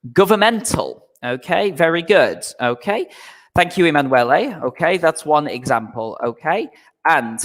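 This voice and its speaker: A man's voice: a little high, in a large hall. A man teaching an English vocabulary lesson to a live online class, patient and repetitive, checking in with "okay?" after nearly every point. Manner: patient, repeats "okay?" often, slow explanations.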